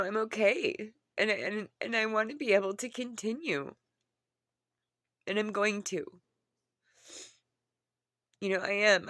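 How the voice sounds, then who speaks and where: Upset woman vlogging like she just cried, tearful, halting, repeats herself, mid pitch, dry close sound. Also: a bit bright, dry recording. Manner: halting, repetitive, earnest. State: upset, tearful as after crying. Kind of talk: personal confessional talk to viewers.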